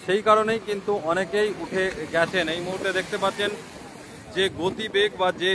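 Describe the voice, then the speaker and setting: This high-pitched, steady-toned man is reporting live from a seashore, his mobile phone picking up wind and crashing surf. He explains things repetitively, circling back over details with hesitant pauses, in a noisy outdoor stream.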